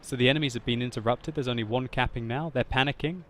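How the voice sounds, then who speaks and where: It's a gameplay commentary voice-over: a fast-talking man with a mid-range voice narrates his own tank battle, laughing often and getting loud and excited when things get big.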